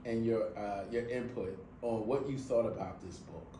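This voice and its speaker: A man's voice: on the low side, moderate pace, recorded from a distance. A man hosting a book club, chatting casually and telling a story with lots of expression in his voice. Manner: animated storytelling, voice rising and falling with excitement. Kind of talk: casual chat. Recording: echoey room with faint background noise.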